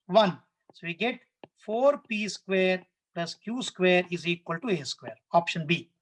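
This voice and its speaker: Male maths tutor, South Indian accent, notably high voice. Talks a class through working step by step, repeating and checking often. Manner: didactic, repetitive, often checks understanding with short questions. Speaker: maths teacher. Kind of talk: live online maths lesson, working problems step by step.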